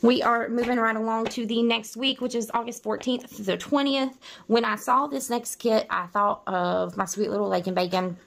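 A woman's voice: fairly high pitch, normal speed, gravelly, a bit bright, a little hiss or hum. A middle-aged woman chatting casually while showing off planner kits, rambling with many restarts and a tender, wistful tone. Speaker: planner vlogger.

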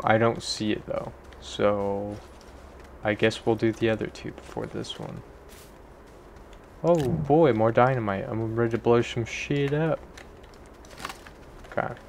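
A young man talks through a game in a loose, rambling way, mocking himself and swearing offhandedly. His voice sits a little low. A faint hiss runs under it. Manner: rambling, self-deprecating, swears casually. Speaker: gaming video creator. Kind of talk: casual gameplay commentary.

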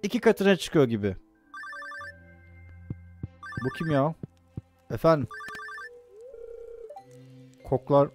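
A man's voice: on the high side, big pitch swings, unhurried, a little mellow. Chatty man streaming a farming game. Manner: chatty, reads game dialogue aloud, laughs often. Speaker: gameplay streamer. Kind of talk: casual let's-play commentary. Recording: faint game music behind.

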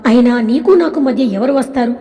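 A woman voicing an innocent, affectionate young wife who talks gently and pleadingly. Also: on the high side, a little fast, lightly acted. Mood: tender. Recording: long reverb.

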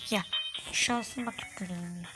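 A woman hosting a casual gameplay video, talking through a phone game and breaking into frustrated, excited exclamations. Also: lowish voice, slow, low-quality recording. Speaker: gameplay channel host. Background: background music.

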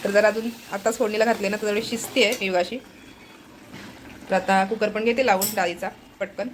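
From her kitchen, a family vlogger narrates a home vlog in a steady, medium-pitched voice, moving briskly. She's chatty, constantly pointing things out with "look here" and cooing at her pet. A little hiss or hum sits under the audio.

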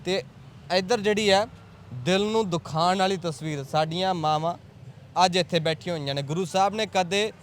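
Earnest high-voiced male street reporter. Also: moderate pace. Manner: earnest, emotive reporting with rhetorical questions. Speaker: field reporter. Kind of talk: on-scene news report and interview. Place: outdoors on a street at night. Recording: faint traffic noise outdoors.

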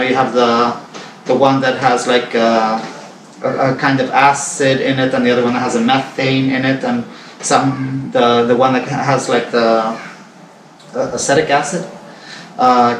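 A man's voice: mid-range voice, slight background noise. Rambling man in his forties, roomy. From Canada. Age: 40s. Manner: rambling, repeats himself, many fillers. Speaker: vlogger. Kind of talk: casual talk to camera. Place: living room at home. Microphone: far camera on a tripod. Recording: roomy, distant camera sound.

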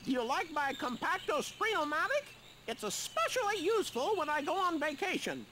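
A man's voice: very high voice, sing-song, normal speed, heavy background noise. An actor playing a helpful, eccentric male cartoon bird inventor giving tutorial advice in a video game. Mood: cheerful, instructive. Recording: game audio with loud music.

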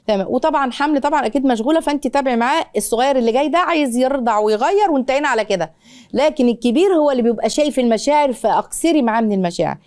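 A middle-aged woman with an Egyptian accent hosting a parenting advice show, giving rapid, animated answers to viewer questions with playful voices and many restarts. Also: high voice. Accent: Egyptian Arabic.

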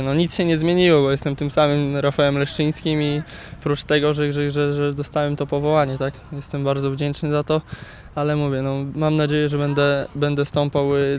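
Young guy by a football pitch, kinda flat voice, keeps repeating words, bit of outdoor hiss. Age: 20s. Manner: halting, many repeated words. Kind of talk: post-training interview. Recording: faint outdoor noise.

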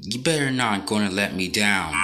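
A woman playing a game and reacting aloud in a bossy way, telling the game to be quiet and gasping at surprises, over loud background noise. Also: rumbling low.

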